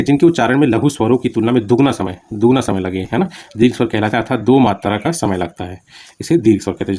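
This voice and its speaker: With a fairly low, mellow voice, a man gives an exam-prep lecture on Hindi grammar. He talks fast, explains terms plainly with repeated examples, checks in with students often, and keeps saying "ठीक है" and "दोस्तों".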